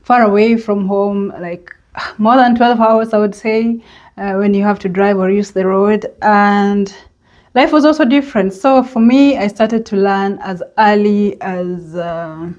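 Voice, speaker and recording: A woman with a Kenyan accent speaks in a relaxed, mellow voice at a middling pitch. She talks to her vlog audience in a reflective, searching way, often stopping on an "uh" or "um" before she goes on. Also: lo-fi sound. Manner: unhurried and reflective, with many hesitant pauses and fillers. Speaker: vlogger. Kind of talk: reflective personal vlog monologue.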